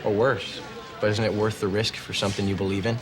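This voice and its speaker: A man's voice: on the low side, flat delivery, quick pace, lightly acted. A young man playing a swaggering, arrogant teenage boy who sees himself as a rebel, in a sitcom. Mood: cocky. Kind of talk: sitcom acting.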